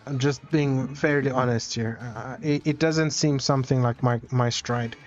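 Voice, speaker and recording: A man's voice: medium pitch, fairly even intonation, normal speed, faint music behind. Rambling male streamer, dull lo-fi audio. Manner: rambling, self-interrupting, playfully dramatic. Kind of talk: casual live-stream chat while gaming.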